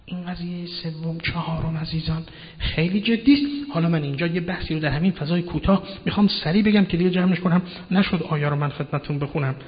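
A male preacher delivers a religious lecture with a fairly high voice, turning emphatic and then dropping to a hush. He keeps asking his listeners rhetorical questions. The recording sounds dull and lo-fi, with long reverb from a large hall. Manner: emphatic, with sudden swings from loud to hushed; addresses listeners directly, asks rhetorical questions.

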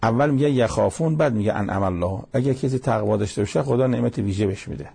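Middle-aged male preacher, gravelly and husky, folksy sermon style. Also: mid-range voice, warm tone. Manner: folksy preaching with anecdotes and Arabic recitation. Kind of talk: sermon on Quran verses.

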